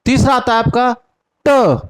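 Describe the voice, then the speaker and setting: High-voiced, slow-paced male teacher. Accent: Hindi-speaking north Indian. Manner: sounds out syllables slowly one by one. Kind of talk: classroom lesson with call-and-response drills.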